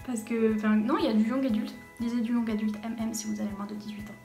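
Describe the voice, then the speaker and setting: A woman's voice: on the high side, flat delivery, a little fast, vocal fry, mellow, echoey room, soft background music. A young woman vlogging casually about books in a chatty, self-mocking way, with a French accent when reading out questions in English. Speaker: book vlogger. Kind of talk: casual book tag vlog.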